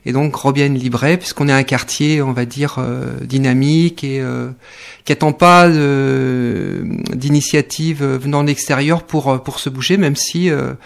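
A man with a gravelly, medium-pitched voice speaks a little slowly as a guest in a radio studio interview. He's co-president of a neighbourhood committee, and his talk is full of fillers and restarts.

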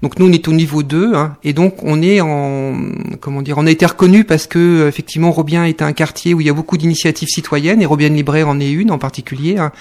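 A man's voice: fairly high pitch, steady tone, quick pace, darkish tone. A man, guest in a radio studio interview, talking with many fillers and restarts. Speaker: guest, neighbourhood committee co-president.

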